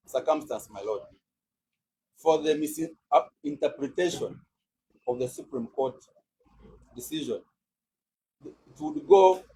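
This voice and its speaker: A man argues before a judge as state counsel, speaking in a measured, deliberate courtroom manner. His voice is mellow and slightly husky, steady at a middle pitch. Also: low-quality recording. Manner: measured, deliberate legal oratory. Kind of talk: formal courtroom submission.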